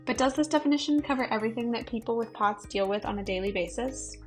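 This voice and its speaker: A woman narrating and asking interview questions in a clear, read-aloud way. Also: fairly high pitch, quick pace. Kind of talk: scripted narration. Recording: music underneath.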